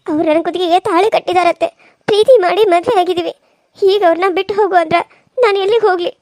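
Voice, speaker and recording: A gentle cartoon daughter-in-law, voiced by a woman, pleads in a very high, thin voice. She talks quickly and tearfully. The sound is dry and close. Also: fairly even intonation, no room sound. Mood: pleading. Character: meek, loving young wife from a poor family. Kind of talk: cartoon serial voice acting.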